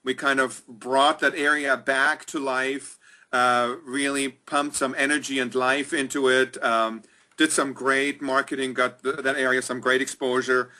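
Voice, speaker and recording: Speaking a little slowly in a level, mid-range voice with a sharp edge, this middle-aged man from Germany is a guest on a video-call interview. He runs a chamber of commerce as its executive director and talks cheerfully and chattily, with lots of ums. He's in a small room indoors.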